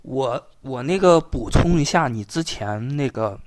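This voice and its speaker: A man's voice: medium pitch, expressive, measured pace, noisy background. A man who works as a programmer, calling into a livestream and explaining something hesitantly with many fillers. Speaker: caller, programmer. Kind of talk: casual explanation on a call.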